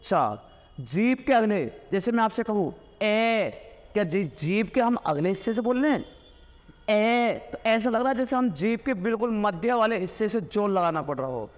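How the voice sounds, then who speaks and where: High-voiced man teaching in a reverberant room. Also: animated. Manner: asks and answers his own questions, dictates slowly and repeats words; sounds out vowels loudly to demonstrate. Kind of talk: classroom lecture.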